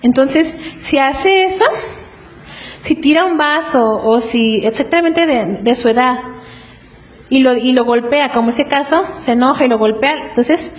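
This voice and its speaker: A woman preaching to a congregation in an earnest, explanatory way, often checking in with quick rhetorical questions. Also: sits high, rough recording. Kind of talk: church teaching on family.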